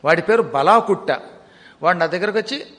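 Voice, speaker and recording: A man telling a devotional story as a discourse, dramatic and slowing down for vivid descriptions, with joking asides. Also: high voice, animated, fairly bright tone. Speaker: religious storyteller. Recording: long hall reverb.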